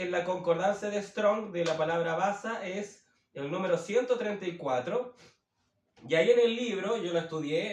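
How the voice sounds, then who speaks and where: A man teaching the Bible as a preacher, slowly repeating and rephrasing himself with many fillers. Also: high-pitched, distant mic. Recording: roomy, from away from the mic.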